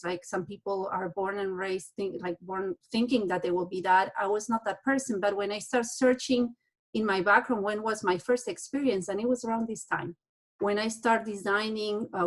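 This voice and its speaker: Woman from Uruguay presenting to a panel. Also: mid-range voice. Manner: personal and anecdotal, some restarts. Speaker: architect and project manager on a panel.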